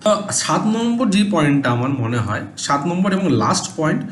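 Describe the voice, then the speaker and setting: A man's voice: on the high side, very animated, quick pace. A man teaching an animation class, often checking "right?" and spelling out English words letter by letter. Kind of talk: informal classroom lesson. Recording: echoey room with faint noise.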